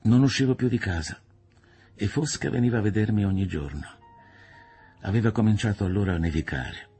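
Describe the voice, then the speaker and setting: A man narrating a classic novel in the first person, measured and somber, with a husky, gravelly voice. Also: fairly low pitch, warm tone, soft background music. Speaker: audiobook narrator. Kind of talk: literary audiobook narration.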